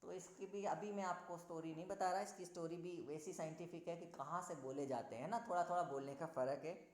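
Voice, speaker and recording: Guy teacher sounding out hindi letters real slow, patient, everyday examples, kinda echoey room. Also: on the high side, fairly even intonation. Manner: spells out letter sounds slowly and clearly. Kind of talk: online Hindi grammar lesson.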